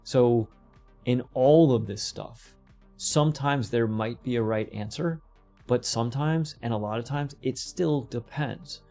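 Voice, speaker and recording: A middle-aged man talks through a game development tutorial, quick and rambling, often breaking off and starting his sentences over. His voice has a gravelly edge. Faint music plays quietly behind him. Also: medium pitch. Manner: rambling, quick, self-interrupting. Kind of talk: casual screen-recorded tutorial.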